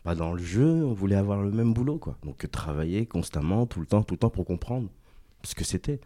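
A man who is a stage director and former dancer, explaining his craft in a lively, emphatic way in a casual chat. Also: lowish voice, a little fast.

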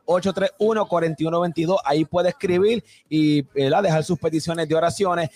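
A man's voice: fairly high pitch, steady tone, a little fast, darkish tone. A man hosting a live religious broadcast, steadily announcing contact details and affirming the preacher. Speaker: radio host.

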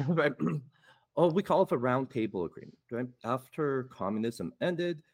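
A man's voice: medium pitch, animated, measured pace. A man from Poland, a first-time interview guest, talking casually and often ending points with "right?". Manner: tags statements with "right?".

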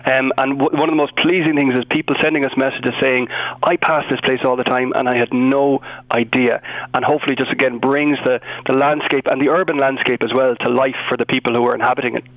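A man's voice: medium pitch, little pitch movement, fast. Radio interview guest: young male, west of Ireland accent, discursive and conversational, thin telephone-like sound. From Galway, west of Ireland. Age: young adult. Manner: explanatory, discursive. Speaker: interview guest, Dominican friar. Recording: phone-like narrow band.

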